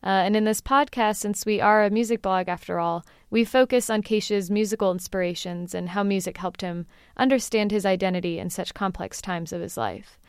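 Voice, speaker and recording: A woman's voice: mid-range voice, fairly even intonation, a little fast, hardly any pauses, clean tone, no echo, studio quality. A woman hosting a music podcast, chatting in a friendly way with frequent fillers. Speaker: podcast host. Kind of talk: podcast intro and phone interview.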